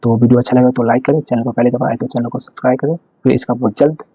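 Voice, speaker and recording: A man from India explaining a math exercise step by step, slow and repetitive, with frequent restarts. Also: mid-range voice, flat delivery, warm tone, breathy edge, dry recording, muffled recording. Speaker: math teacher.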